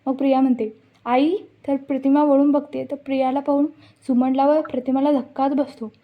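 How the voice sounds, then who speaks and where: High-voiced woman recapping a serial. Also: little pitch movement, a little fast. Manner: unscripted, with frequent restarts. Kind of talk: casual episode recap. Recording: dull lo-fi recording.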